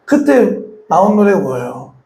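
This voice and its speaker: A man's voice: high-pitched, very animated, moderate pace, dark tone, echoey room. A male pastor preaching a sermon, throwing rhetorical questions to his congregation and acting out voices.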